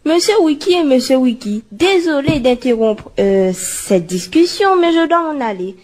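An easygoing reporter out on a sunny beach, acted by a woman in an amateur radio skit. She reports at a leisurely pace in a high voice. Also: animated, measured pace, darkish tone.

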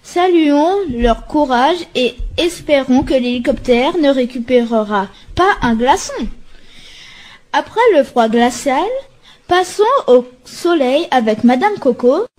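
A jaunty radio studio host, played by a woman in an amateur skit. He links the reports with cheerful announcer patter, in a high voice. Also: lively intonation, takes it slowly, darkish tone, exaggerated voice.

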